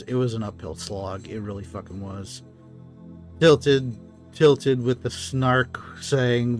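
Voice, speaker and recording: A man co-hosting a casual podcast, ranting profanely and reading chat messages aloud. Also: lowish voice. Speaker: podcast co-host.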